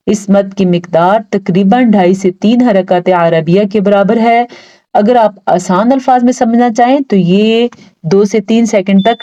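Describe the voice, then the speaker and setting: Slow, mellow-voiced woman teaching tajweed. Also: medium pitch, lo-fi sound. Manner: explains rules, then slowly stretches out each recited word. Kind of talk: step-by-step pronunciation lesson.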